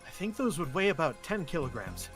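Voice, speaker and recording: A man voices an earnest young man in a visual novel, reasoning aloud. His tone is bright and a little high, over faint music. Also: sing-song, brisk.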